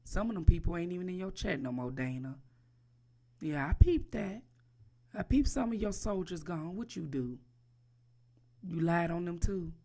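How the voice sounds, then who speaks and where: Gravelly woman ranting a crude roast. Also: on the low side, lively intonation, normal speed, long pauses, dark tone. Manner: taunting, crude, repeats the target's name. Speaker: livestream roaster. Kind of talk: profane mocking roast rant.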